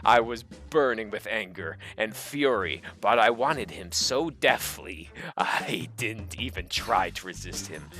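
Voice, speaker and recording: Over background music, a man with a fairly low voice narrates a comic dramatic reading of fan fiction, playing it mock-serious and theatrical.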